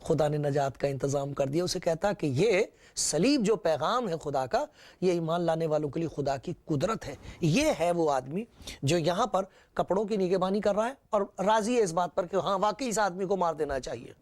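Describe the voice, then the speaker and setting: A man's voice: high-pitched, lively intonation. A man preaching a sermon, retelling scripture with repetition and rhetorical questions.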